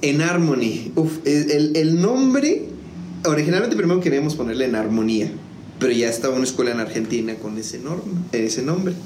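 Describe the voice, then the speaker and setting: A man's voice: mid-range voice, a little mellow. A man, a music school founder, telling his story in a casual interview with many fillers and restarts. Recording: echoey room with faint noise.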